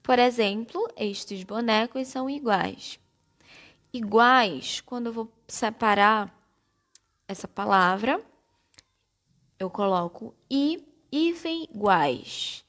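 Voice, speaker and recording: A woman teacher with a Brazilian Portuguese accent, giving a slow, careful primary-school lesson and spelling out syllables one by one. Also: a little high, fairly bright tone. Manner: spells out syllables slowly and deliberately.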